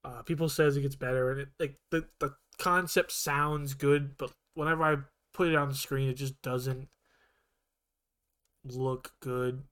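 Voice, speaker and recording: This podcast co-host has a smooth, medium-pitched voice and talks a little slowly. He chats casually in an even-toned way, wandering off track and often correcting himself as he restarts his sentences.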